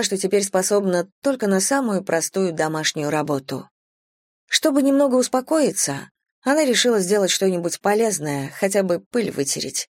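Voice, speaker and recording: A woman narrating an audiobook in an expressive, varied tone, close to the mic. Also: medium pitch, no room sound. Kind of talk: scripted narration.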